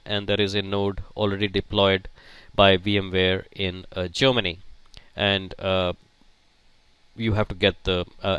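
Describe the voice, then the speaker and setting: Male tech instructor, slightly low and resonant, halting delivery full of fillers. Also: a bit bright, smooth, no echo. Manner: halting, many fillers and restarts. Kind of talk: technical lecture.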